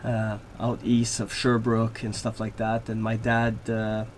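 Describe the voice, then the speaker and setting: A hockey player from Laval, Quebec, Canada, whose first language is French, is a guest on a radio interview. He talks in a relaxed, rambling way full of fillers, with a fairly low voice and measured pace. There's slight background noise.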